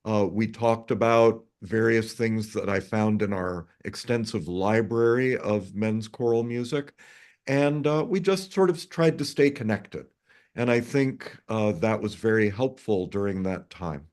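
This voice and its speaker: A man in his fifties, a conductor answering interview questions over a video call, measured and articulate. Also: on the low side, darkish tone. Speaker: conductor, guest.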